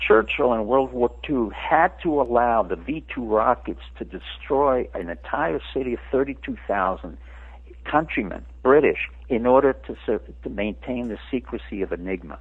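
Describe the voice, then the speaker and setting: A man's voice: mid-range voice, lively intonation, moderate pace, slightly rough. A man in his seventies who grew up in France, a radio interview guest lecturing in an emphatic way. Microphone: phone. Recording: tinny phone line.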